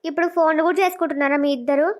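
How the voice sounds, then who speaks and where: A woman voicing a gentle suspicious young wife. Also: high-pitched, steady tone, rapid-fire, close to an everyday voice. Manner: soft, questioning. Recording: dull lo-fi recording.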